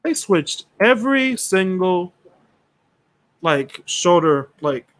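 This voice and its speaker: A young man co-hosting a casual chat about rides, slangy and animated, breaking into mock screams. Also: high-pitched, slow pace, no echo. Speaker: co-host.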